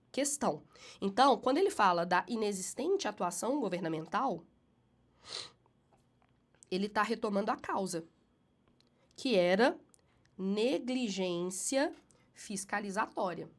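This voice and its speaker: Correcting a student essay, a woman teacher reads passages aloud slowly with emphatic rises, then explains quickly. She has a medium-pitched voice made slightly nasal by a cold.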